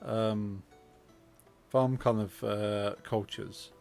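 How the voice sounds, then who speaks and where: A man with a Midlands English accent, chatting casually as a game streamer and speaking with deliberately clear, precise diction. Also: on the low side, steady tone, a little mellow, faint music behind. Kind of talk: casual chat while gaming.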